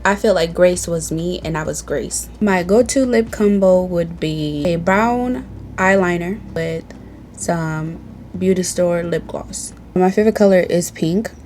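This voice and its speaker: Sassy, playful woman vlogger, lowish voice. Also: dark tone. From Tanzania. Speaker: beauty vlogger. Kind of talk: casual sit-down chat to camera. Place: indoors at home, reading from a tablet.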